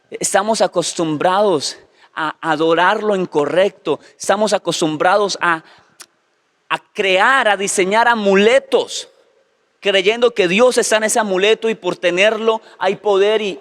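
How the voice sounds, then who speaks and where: A man's voice: high voice, measured pace, fairly bright tone. A male preacher delivering a live sermon, emphatic and direct, often addressing the congregation with repeated phrases.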